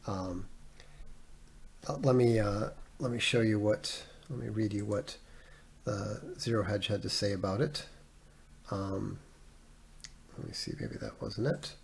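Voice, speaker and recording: A man's voice: lowish voice, expressive, unhurried, vocal fry, pauses often, slight background noise. A man hosting his own livestream, talking casually and rambling with frequent fillers and restarts. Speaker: livestream host. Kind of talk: casual solo livestream talk.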